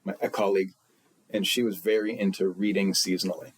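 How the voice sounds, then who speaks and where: This is a man with a somewhat low voice, speaking as a guest on a casual podcast. He tells stories in a loose, chatty way. He keeps leaping into exaggerated quoted voices. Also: brisk, slightly rough. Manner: lively storyteller, jumps into exaggerated high voices for quotes. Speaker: guest library official.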